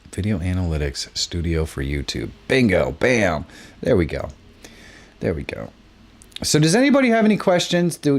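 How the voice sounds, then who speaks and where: A man hosting a casual live stream, chatting with viewers in bursts of exclamations and reading out their messages. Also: fairly low pitch. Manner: animated, bursts of exclamations, reads chat aloud. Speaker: host of a live creator hangout.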